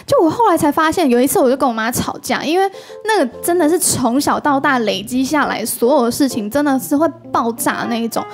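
Taiwanese mandarin lady on a talk show, high voice, acts out every quote as she tells it. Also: a little fast, faint music behind. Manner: animated, acts out quoted dialogue. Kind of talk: casual storytelling.

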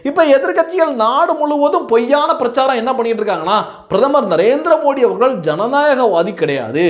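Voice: high-pitched, expressive, fairly quick. A narrator giving an explanatory voice-over that summarizes a speech. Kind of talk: news commentary voice-over.

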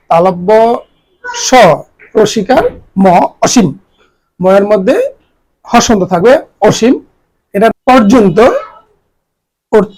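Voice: medium pitch, a little mellow, rough recording. A teacher giving a grammar lesson, spelling out each word letter by letter and repeating it for the students.

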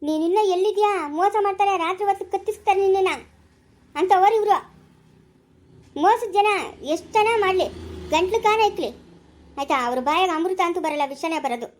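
A woman's voice: high voice, lightly acted. A woman with a Chikkaballapura Kannada accent acting a quarrelsome village woman in a family drama. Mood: furious. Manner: scolding, quick-tempered, sharp-tongued.

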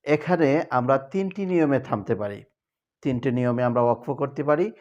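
A man teaching Quran recitation rules in a televised lesson, explaining step by step and chanting verses slowly as examples. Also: mid-range voice, expressive, a little mellow, muffled recording.

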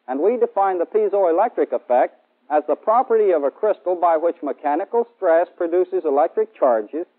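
A high-sitting voice belongs to an American man in his thirties, cast as a military instructor lecturing formally and methodically in a 1960s training film. It was filmed on an indoor studio set, and the band-limited old soundtrack gives it phone-quality sound.

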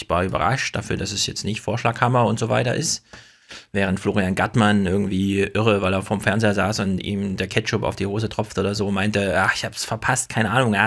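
Gravelly low host, casual and jokey. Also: male voice, fairly bright tone. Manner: offhand, jokey. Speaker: podcast host. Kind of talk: casual chat.

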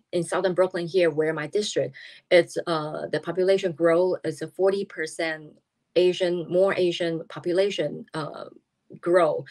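Taiwanese-accented woman in her fifties, deep for a woman, halting and filler-heavy, interviewed over a video call from home. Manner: halting, searching for words with many fillers. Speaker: interviewee, politician. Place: small room at home, indoors.

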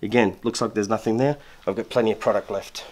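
A middle-aged male barber gives a step-by-step grooming demonstration of a trim and shave in his shop, frequently restarting and repeating himself. He's a fast talker with a lowish, darkish, steady voice, and there's slight background noise.

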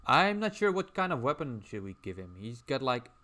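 A man's voice: medium pitch, very animated, normal speed, bright, forceful tone. A man streaming casually as he draws, rambling and chatting while reading out viewer messages. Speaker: livestreamer.

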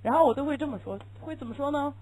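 Speaking very fast in a high, slightly mellow voice, a woman whose first language is Chinese gives an English classroom lecture. She explains patiently, poses rhetorical questions, and repeats key phrases. The audio is poor.

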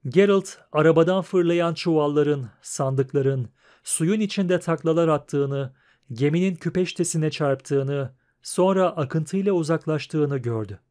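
Reading from a script, a fairly high-pitched man narrates an audiobook with calm, steady measure.

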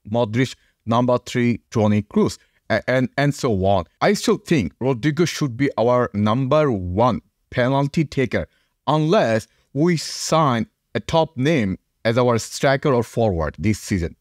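A man's voice: mid-range voice, lively intonation, a little slow, no room sound. A young man hosting a fan channel, giving casual reaction commentary into a podcast mic in a small home studio. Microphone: podcast mic on a boom.

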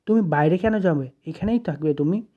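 A woman's voice: on the low side, brisk, narrow, tinny audio, close to an everyday voice. A narrator reading a stubborn young woman patient. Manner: firm, short refusals read plainly.

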